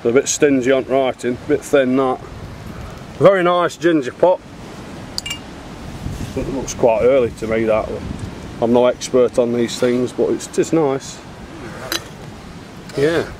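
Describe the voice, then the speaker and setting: Filming outdoors at a wooded dig site, a middle-aged amateur bottle digger chats bluntly and casually while showing what he's found. He speaks at a medium pitch, a little slowly, with long pauses. The handheld camera microphone captures him clearly against outdoor background noise.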